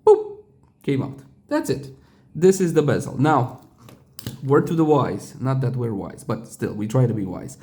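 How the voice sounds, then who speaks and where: A man's voice: medium pitch, normal speed, darkish tone. Chatty man explaining a watch repair. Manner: chatty, digressive, casual asides. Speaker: watch reviewer. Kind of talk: casual tutorial talk.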